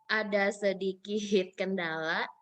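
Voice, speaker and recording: A woman moderating an online parenting session, politely and warmly addressing the mothers while they wait. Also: mid-range voice, steady tone, slow pace.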